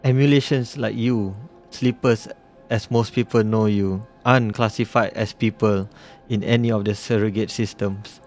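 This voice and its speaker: A man reading the lines of a weary, guarded cyborg doctor in a calm, measured way. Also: on the low side, soft background music, close to an everyday voice.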